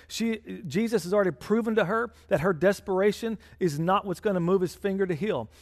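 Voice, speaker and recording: A male pastor delivering a fervent sermon in a fairly high voice. He preaches emphatically, and his intensity swells as he presses each point. The sound rings with the long reverb of a large hall. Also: fairly quick. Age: adult with a child.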